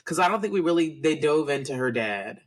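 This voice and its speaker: A man on a podcast, rambling through his thoughts with loose restarts. His voice sits a little high for a man, and the talk is relaxed and conversational. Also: a little fast. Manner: rambling, hesitant, restarts often. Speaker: podcast co-host. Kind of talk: casual chat.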